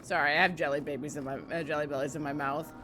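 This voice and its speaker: A woman's voice: deep voice, steady tone, fast talker, music in the background. Chatty woman streamer with wry asides. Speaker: let's play streamer. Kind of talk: casual gameplay commentary.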